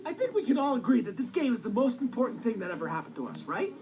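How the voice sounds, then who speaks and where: A high-strung young man in a sitcom, giddy with power and barking orders at his friends. His high voice jumps all over the place as he rants. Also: sing-song, quick pace, exaggerated voice. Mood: frantic. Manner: frantic, bossy, high-strung. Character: scheming excitable young man gone power-mad.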